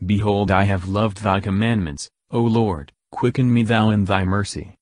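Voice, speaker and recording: A man reading the Psalms aloud in a measured, solemn, verse-by-verse delivery. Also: on the low side, fairly even intonation, darkish tone, no echo. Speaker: scripture reader.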